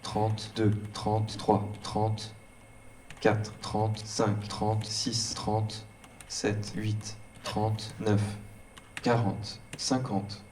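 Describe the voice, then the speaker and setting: A male-sounding synthetic robot voice acting as a guide to a stage performance, speaking in slow, choppy, word-by-word fragments. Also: fairly low pitch, completely flat delivery, darkish tone. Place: performance hall. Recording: distant voice with faint room noise.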